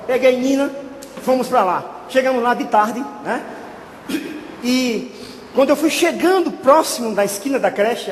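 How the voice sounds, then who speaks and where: Brief: high-voiced male preacher, animated storyteller, shouting at peaks, recorded in a reverberant hall. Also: a little hiss or hum. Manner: lively storytelling, shouting at climaxes. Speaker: pastor. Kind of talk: sermon with personal testimony. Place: church hall. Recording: echoey hall, faint ambience.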